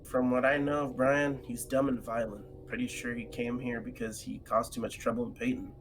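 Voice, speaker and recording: A man's voice: mid-range voice, flat delivery, moderate pace, slight background noise, poor audio. Laid-back man with dry remarks. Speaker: guest co-streamer. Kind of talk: casual chat.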